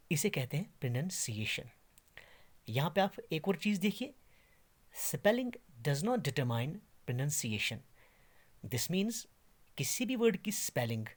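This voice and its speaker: A man giving a slow, deliberate English pronunciation lesson, drawing out each word as he demonstrates. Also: a little high. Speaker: English teacher. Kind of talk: classroom lesson.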